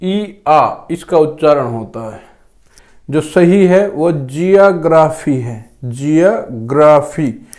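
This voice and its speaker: A man's voice: a little high, expressive, slow, a little mellow. A male English teacher with a sore throat, giving a spoken lesson to students and repeating each word several times. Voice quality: clears throat often.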